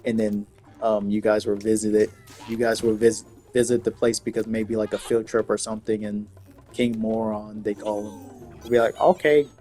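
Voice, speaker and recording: A man chatting casually about video games, halting and restarting with many fillers. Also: on the low side, completely flat delivery, dark tone, faint music behind. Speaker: gaming video creator. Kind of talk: casual rambling commentary.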